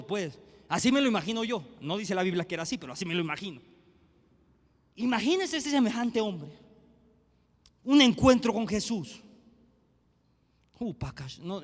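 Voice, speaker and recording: High, bright-voiced preaching pastor in a hall. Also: male voice. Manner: swings from hushed asides to shouted preaching. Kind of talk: sermon. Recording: long hall reverb, faint music behind.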